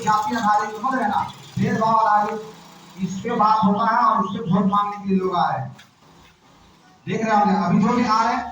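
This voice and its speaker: High-voiced man questioning a crowd, echoing room. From Jharkhand, India. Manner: keeps firing rhetorical questions at listeners. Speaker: activist speaker. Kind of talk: public address to a gathering. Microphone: far from the mic. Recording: very echoey room, distant mic, faint noise.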